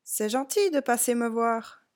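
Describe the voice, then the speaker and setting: A cheerful old male circus clown from a storybook, as a woman reader puts him on. He exclaims loudly in a voice pitched well above the narration, bright and excited. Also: measured pace. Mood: pleased. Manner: exclaiming, raised and higher.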